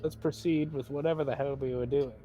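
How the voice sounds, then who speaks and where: A man's voice: mid-range voice, fairly even intonation, brisk, mellow, faint music behind, low-quality recording. A man playing a tabletop game, talking casually in character in a dry, understated way.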